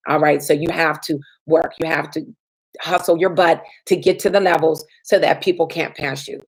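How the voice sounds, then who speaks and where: Fielding viewer questions on a chatty live stream, a woman who trains people in insurance speaks at a moderate pace with fairly even intonation. Her voice sits a little low, slightly raspy from not sleeping enough.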